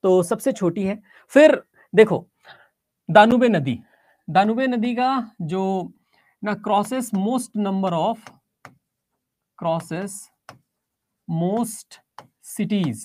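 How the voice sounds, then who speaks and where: A woman's voice: mid-range voice, drawn-out words, long pauses, a little mellow, dry recording, studio quality. A woman teacher giving a geography lesson, explaining step by step, checking in with her students and mixing English phrases into her Hindi.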